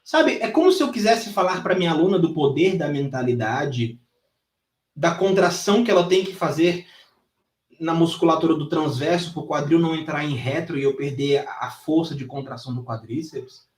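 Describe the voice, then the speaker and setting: Animated at a moderate pace, this high-leaning male voice sounds roomy. In a home live stream, the former trainer turned sales mentor teaches with intense emphasis, swears freely, and dramatizes his old coaching.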